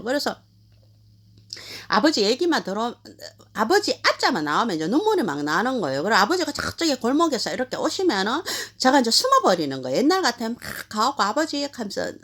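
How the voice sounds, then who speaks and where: A woman in her fifties hosting her channel, telling a personal story in a rambling, animated way with many fillers. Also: a little high, brisk, slightly rough. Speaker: channel host. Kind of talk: casual storytelling.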